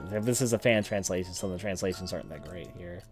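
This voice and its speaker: Here a man with a low-pitched voice talks fast while dramatically reading a visual novel as a let's play commentator. Now and then he stumbles on words, and visual novel music runs in the background.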